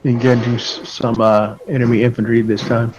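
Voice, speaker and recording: A man's voice: medium pitch, flat delivery, normal speed, a little mellow, highs cut off, slight background noise. A man playing a military simulation game, giving terse tactical reports over voice comms.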